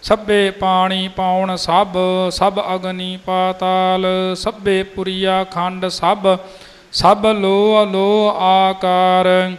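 Slow chanting man in a reverberant hall. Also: high voice. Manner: slow, even, sung-through chanting. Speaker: scripture reciter. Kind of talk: chanted scripture recitation. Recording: long hall reverb, faint music.

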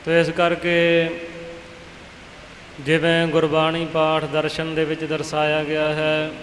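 A man's voice: on the high side, completely flat delivery, slow pace, a bit bright, echoey room, in a large hall, slight background noise, low-quality recording. A man giving a pronunciation lesson for scripture recitation, half-singing his explanations and chanting the examples. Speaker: recitation teacher.

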